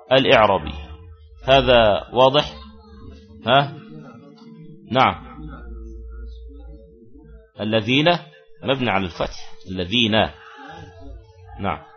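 A man's voice: medium pitch, highs cut off. Man teaching Arabic grammar. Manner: repeats key words, asks the class questions. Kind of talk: classroom grammar lesson.

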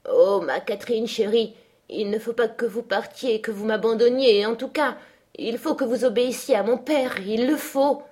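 Cowardly, sickly young man, high and whiny, as a woman narrator puts him on, storybook reading. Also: normal speed, a little mellow, slightly rough. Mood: pleading.

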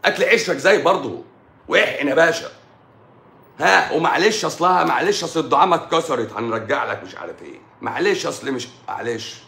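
Fast-talking combative Egyptian man. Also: fairly high pitch, expressive, vocal fry, bright, forceful tone. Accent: Egyptian Arabic. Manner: combative, rapid rhetorical questions. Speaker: doctor. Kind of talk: live-stream rant. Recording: echoey room.

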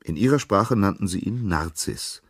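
A man narrating a myth in a calm, measured storytelling manner. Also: fairly low pitch, breathy edge, dry recording, clean studio sound.

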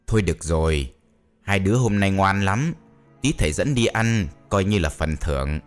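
A man voicing a calm, stern old male exorcist who talks in a cold, commanding way. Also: deep voice, moderate pace, faint music behind, voice pushed down. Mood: fatherly firm.

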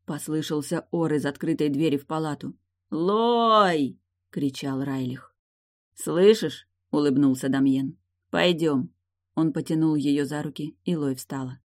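Steady audiobook narrator. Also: mid-range voice, moderate pace, hardly any pauses. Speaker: audiobook reader. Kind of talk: scripted narration.

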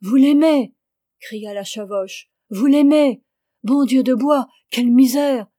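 A woman's voice: medium pitch, steady tone, moderate pace, dark tone, no room sound, clean studio sound, lightly acted. A woman voicing an old village peasant woman who pleads urgently and rises to cries. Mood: pleading.

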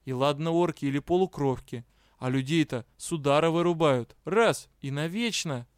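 A man voicing a sardonic male dark-elf officer of the night watch, dry and officious in tone. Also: a little high, moderate pace, clean tone, no echo, natural voice. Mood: grumbling.

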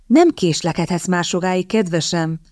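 A woman voicing a calm, worldly older aunt in an audiobook, speaking slowly and measured. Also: on the low side, dry recording, clean studio sound, close to an everyday voice. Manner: slow, measured.

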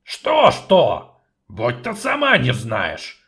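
A man voicing a blunt, hot-tempered dwarf who grumbles loudly and emphatically. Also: mid-range voice, wildly swooping pitch, drawn-out words, heavily acted. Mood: furious.

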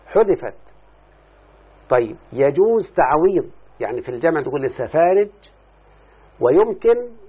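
A teacher of Arabic morphology explains a text in a classroom lesson, questioning and repeatedly addressing the listener. His husky voice is on the high side, and the sound is muffled, lo-fi, and phone-like.

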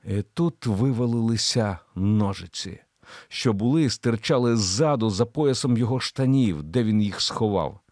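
A man narrating a thriller audiobook in an expressive storytelling delivery. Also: on the low side, measured pace, no echo, studio quality.

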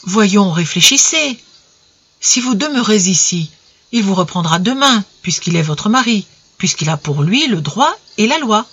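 A woman's voice: mid-range voice, lively intonation, measured pace, fairly bright tone, breathy edge, highs cut off. A woman reading aloud, voicing a cautious male lover who reasons earnestly with his mistress. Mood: pleading.

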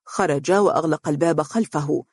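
A woman reading a novel aloud as an audiobook narrator, in a steady, expressive way. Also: low-pitched, a little fast, breathy edge, no room sound, studio quality.

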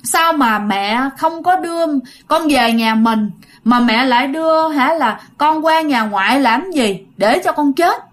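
A plaintive little ghost girl whines and begs in a very high, childish voice, as a woman acts her out. She sounds sulky and naive, in a spoken ghost story. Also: expressive, a little slow. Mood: sulky pleading. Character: ghost of a sulky crying girl under ten.

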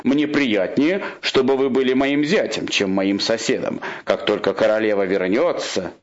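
A man's voice: on the low side, normal speed, muffled recording, natural voice. A man reading a storybook and voicing a fussy old king who grumbles and blusters. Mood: bewildered.

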